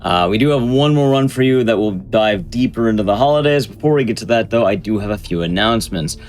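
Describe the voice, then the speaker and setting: A man's voice: lowish voice, animated, quick pace, a little mellow, soft background music. A man hosting a speedrun show, making casual announcements and introductions.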